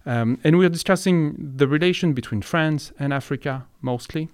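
A man's voice: a little high, normal speed, a little mellow, clear, resonant tone, dry recording, studio quality. A man hosting an academic interview podcast, hesitant and searching for words as he frames questions. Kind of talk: conversational interview.

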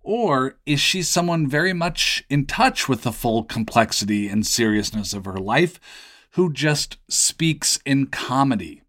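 A man's voice: mid-range voice, lively intonation, measured pace, a bit bright. Male host, mid-range voice, wry and conversational, for podcast narration and interviews. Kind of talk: scripted narration and casual interview.

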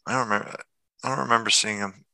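A man's voice: fairly low pitch, fairly even intonation, very fast, vocal fry, sharp tone, no echo. A man guesting on a casual podcast, with a dry, teasing sense of humor.

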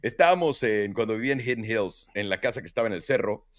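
Mexican host, animated storyteller, pitch all over the place, swears freely. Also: male voice, fast. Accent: Mexican Spanish. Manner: animated, acts out quotes in raised voices, heavy slang and swearing. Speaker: podcast host. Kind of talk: casual storytelling chat.

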